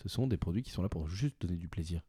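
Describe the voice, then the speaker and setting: A man speaks as an interview guest in a fairly low, warm and mellow voice. He hesitates often, restarting his sentences, and laughs easily. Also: expressive, quick pace, husky. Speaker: executive director of a watch brand, guest. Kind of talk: podcast interview answers.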